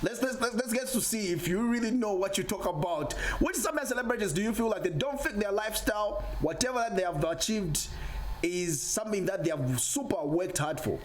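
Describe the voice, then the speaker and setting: A man's voice: sits high, expressive, a little fast, a little hiss or hum. A man hosting a casual interview, probing with questions and repeating words as he starts them. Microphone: video call.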